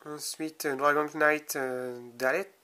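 A young man with a bright, fairly high voice talks through a trading card box opening at an unhurried pace. He reads each card name aloud, stopping now and then for short casual remarks. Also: little pitch movement. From France. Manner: slow, unhurried reading of card names with small asides. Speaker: card-opening video host. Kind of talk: casual unboxing commentary.

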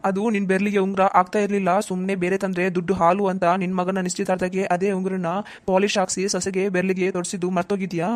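Someone playing a rapid-fire grumbling old father-in-law. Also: mid-range voice, little pitch movement, no echo, close to an everyday voice. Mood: sly. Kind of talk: cartoon voice acting.

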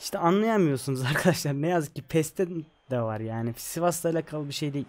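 A young man commentating on his football video game, recorded at home late at night and keeping his voice down. He is excitable, swinging from yelling at plays to glum muttering. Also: on the high side, fast talker. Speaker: gaming YouTuber.

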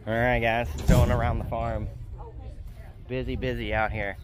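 A man's voice: medium pitch, little pitch movement, unhurried, noisy background. A man in his thirties chatting casually to his phone camera outdoors on a farm, upbeat and rambling with plenty of fillers. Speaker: vlogger. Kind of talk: casual vlog chat. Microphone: phone camera at arm's length.

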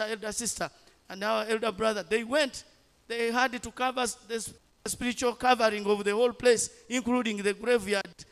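A man preaching a sermon, telling a testimony and building to loud exhortation. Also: high voice. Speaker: pastor. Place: large chapel with long reverb. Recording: reverberant church hall.

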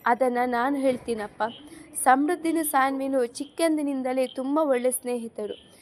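A woman reading an audiobook story, voicing a chatty older woman of the house who explains things briskly. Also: sits high, a little mellow, a little hiss or hum, close to an everyday voice. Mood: amused.

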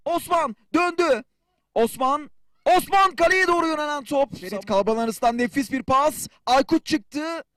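A man delivers excited play-by-play football commentary. His voice sits extremely high and swings widely, breaking into screaming calls. The phrases are short and clipped, and the sound is dry with no room around it. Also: dry recording. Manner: screams on shots and goals; short clipped phrases, calling players by first name.

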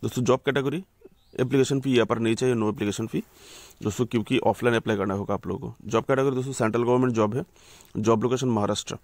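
A man's voice: mid-range voice, steady tone, fast talker, darkish tone, no room sound. A man hosting a channel, giving an informal voice-over that walks viewers through a job notification, often calling them friends and correcting himself. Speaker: YouTube channel host.

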